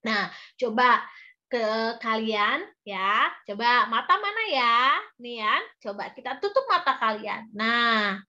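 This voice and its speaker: A woman's voice: on the high side, animated, slow pace, pushed and bright, lo-fi sound. A young woman with an Indonesian accent telling a Bible story to small children, coaxing and sing-song, often calling out to them. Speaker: Sunday school storyteller.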